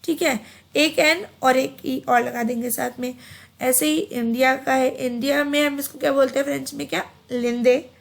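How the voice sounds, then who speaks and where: A woman giving a casual online French lesson, chatty and repeating each word slowly for pronunciation, mixing Hindi with English phrases. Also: high-pitched, steady tone, vocal fry. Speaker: French teacher.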